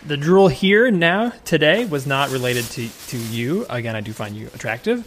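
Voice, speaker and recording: A man's voice: mid-range voice, big pitch swings, moderate pace, a bit bright, a little hiss or hum. A man playing an awkward, defensive would-be children's actor who rambles and over-explains in an improvised comedy scene. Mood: flustered.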